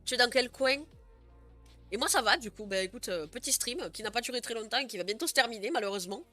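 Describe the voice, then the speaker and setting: In a casual live stream, a young woman chats animatedly and quickly with her viewers, giggling often and stumbling through lots of fillers. She has a somewhat high, bright, forward voice. Quiet music runs faintly in the background.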